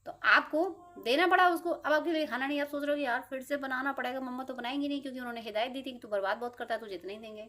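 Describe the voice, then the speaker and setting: A woman tarot reader, giving a casual motivational talk to her viewers in a chatty, playful way with quick acted-out asides. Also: high-pitched, steady tone, fairly bright tone.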